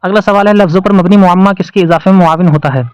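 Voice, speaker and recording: A man's voice: sits high, fairly even intonation, a little mellow, clear, resonant tone, dry recording, highs cut off. A man with an Indian Urdu accent, teaching as an exam-prep teacher and explaining test questions, who repeats the answer options and asks and answers his own questions.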